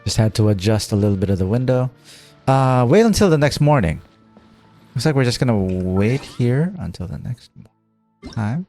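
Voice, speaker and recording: A gaming streamer with a mid-range, slightly mellow voice delivers very animated commentary at a moderate pace. His casual let's-play talk is reactive and jokey, over game music.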